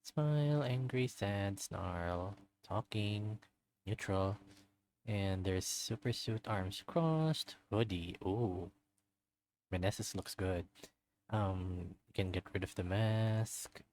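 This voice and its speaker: Low-pitched, slow and darkish in tone, this man reads a visual novel aloud for his let's-play over a bit of hiss or hum. He chats casually about the text, reading profile cards with easygoing asides, though the recording is poor.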